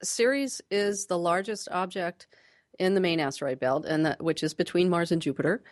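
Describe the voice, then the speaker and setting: A woman with a fairly low-pitched voice appears as a scientist guest in a radio interview. She explains things plainly and in a measured way, pausing to choose her words.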